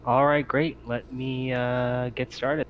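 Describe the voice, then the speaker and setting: A man in the game master's seat narrates scenes and gives casual explanations of a tabletop roleplaying game to players over a group call. His mid-range voice is slow and flat. Muffled, lo-fi chat audio with clear noise carries it.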